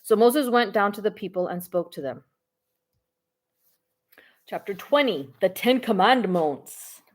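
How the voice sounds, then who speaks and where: A woman reading the Bible aloud at a steady, careful pace, with small stumbles now and then. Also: mid-range voice, unhurried. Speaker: scripture reader.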